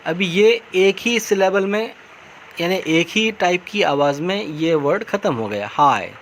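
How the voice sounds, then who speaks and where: A man's voice: high voice, expressive, measured pace, a bit bright, slight background noise. A male school teacher with an Indian English accent, explaining grammar patiently and repeating key words. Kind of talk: recorded grammar lesson over slides.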